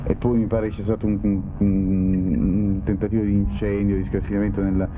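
A man hosting a live radio phone-in, haltingly searching for his words. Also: lowish voice, flat delivery, narrow, tinny audio, over music. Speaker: radio host. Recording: noisy band-limited old radio recording.

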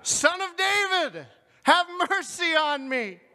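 Preacher voicing a blind beggar man, desperate repeated pleas, high voice, long hall reverb. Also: sing-song, slow pace, bright, forceful tone, full character voice. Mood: pleading. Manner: pleading, repeated cries.

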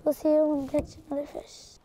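A young woman on a fishing boat outdoors talks to an action camera in a casual fishing vlog, keeping up chatty, wry commentary as a vlogger and angler. Her voice sits high and monotone, mellow, and she talks fast. A faint hiss or hum runs under the recording.

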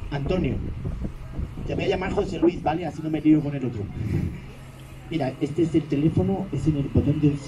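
Sarcastic high-voiced stage comedian, man. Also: a little fast, long pauses, very noisy. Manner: sarcastic, mock-grumpy, teasing the audience. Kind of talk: live stage comedy with audience banter.

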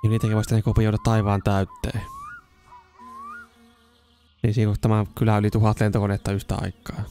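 A young man with a fairly low voice talks through a video game in casual let's-play style. He chats to himself as he plays and breaks into excited shouting when something works, recorded close on a desk microphone. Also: pauses often, smooth. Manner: chatty, talks to himself while playing, bursts into excited shouts. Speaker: gaming YouTuber.

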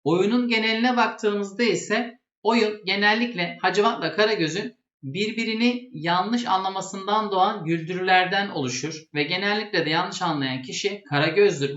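Casting: male lesson presenter, high-pitched voice, didactic and plain, echoey room. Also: fairly bright tone. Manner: didactic, restating terms plainly. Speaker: presenter explaining traditional theatre. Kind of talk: explanatory lesson. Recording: echoey, dull lo-fi sound.

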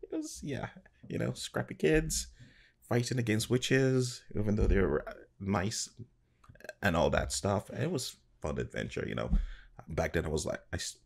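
Very deep, gravelly man, casual reactor. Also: animated, normal speed. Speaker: reaction video host. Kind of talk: casual trailer reaction commentary. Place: small room at home, indoors.

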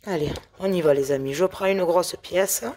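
A woman hosting a scratch-card video, chatting slowly and addressing her viewers as friends while she checks numbers and letters. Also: on the low side, mellow, slight background noise. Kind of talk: casual play-by-play commentary.

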